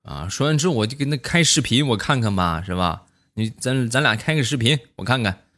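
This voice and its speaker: A man's voice: mid-range voice, lively intonation, a little fast, a bit bright. A man telling comic anecdotes in a chatty way, full of tag questions. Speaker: stand-up storyteller. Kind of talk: comic monologue of short anecdotes.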